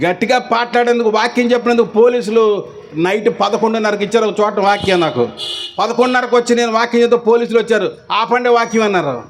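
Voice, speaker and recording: A man's voice: high voice, fairly even intonation, fast talker, slight background noise. A man with a Telugu accent preaching a sermon as pastor, firing rhetorical questions and urging the crowd to answer back. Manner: rhetorical questions and repeated call-and-response urging.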